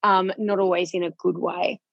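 Australian woman, 40s, interview guest, candid and chatty, low husky tone. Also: flat delivery, moderate pace, no echo, highs cut off. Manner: frank and chatty, with casual Aussie slang.

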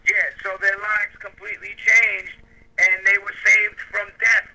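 A man's voice: high voice, level tone, measured pace, pushed and bright, poor audio. A man in his fifties, a guest author in casual podcast talk, swearing constantly, with stammered restarts. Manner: profane, emphatic, stammering restarts.

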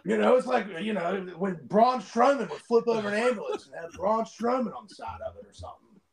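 A man's voice: high-pitched, animated, brisk, gravelly, crowd noise. A man co-hosting a casual sports podcast, tossing off wry joking asides. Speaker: podcast co-host.

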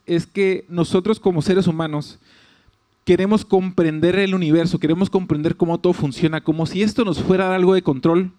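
A young man with a Mexican accent, casually telling a personal story with lively asides and quoted voices. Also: high voice. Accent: Mexican Spanish. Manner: animated, chatty, fillers, laughs, quotes others.

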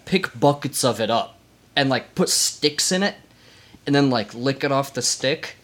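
A man's voice: medium pitch, animated, measured pace, a bit bright. A man casually telling a history story on a podcast, rambling with lots of fillers. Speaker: podcast co-host.

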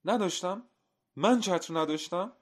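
A man's voice: on the low side, lively intonation. A man voicing a flustered, forgetful middle-aged clerk who pleads and scolds himself in an audio story. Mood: upset. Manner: agitated, pleading and self-scolding.

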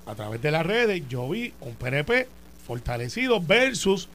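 A man with a Puerto Rican accent debating politics, argumentative and quick to push his own point. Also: on the high side, big pitch swings, a bit bright, a little hiss or hum. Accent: Puerto Rican Spanish. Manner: rapid, argumentative, cuts in. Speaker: senator, political commentator.

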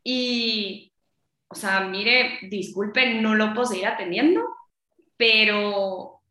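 A woman's voice: medium pitch, slow, sharp tone, echoey room. A woman with a Guatemalan Spanish accent co-hosting a casual chat, tagging her sentences with little check-ins. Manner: chatty, tags phrases with "¿va?" and laughs often. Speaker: podcast co-host.

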